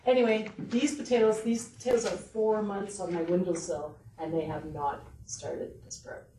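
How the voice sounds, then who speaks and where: A woman's voice: medium pitch, steady tone, moderate pace, mellow. A middle-aged woman giving a chatty, joking gardening presentation to a live audience, often asking them questions. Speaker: horticulturist giving a library talk. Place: library meeting room. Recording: roomy sound from a distant mic with faint noise.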